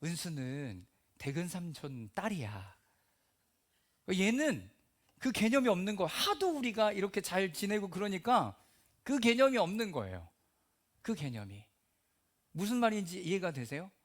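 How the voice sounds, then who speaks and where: A middle-aged male pastor delivers a sermon in a church, his voice pitched high and swinging widely in tone. He acts out the voices he quotes and at times sinks to a near-whisper for emphasis. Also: big pitch swings, moderate pace. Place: church hall.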